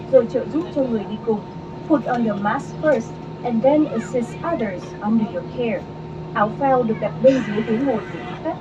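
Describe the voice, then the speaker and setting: A woman flight attendant giving a formal, scripted cabin safety announcement. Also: on the high side. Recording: muffled, noisy aircraft cabin speaker. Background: clear aircraft cabin noise.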